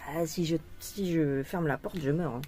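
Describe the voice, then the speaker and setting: A French woman vlogging her bead embroidery, singing along softly and chatting in asides. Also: low-pitched, normal speed, breathy edge. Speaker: craft vlogger. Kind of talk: casual chat while bead embroidering.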